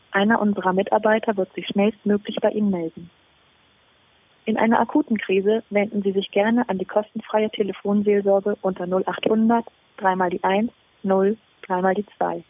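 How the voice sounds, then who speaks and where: A muffled phone-line recording carries a woman acting a helpline answering machine. The customer service voice is formal and courteous, with a husky edge, delivering a scripted announcement. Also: medium pitch, no echo, natural voice.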